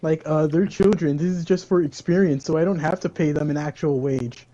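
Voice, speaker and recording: Young dude on a podcast, chill and slangy, kinda higher voice, muffled lo-fi mic. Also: male voice, steady tone, brisk, warm tone. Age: young adult. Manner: laid-back, teasing, slangy. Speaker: podcast co-host. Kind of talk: casual chat.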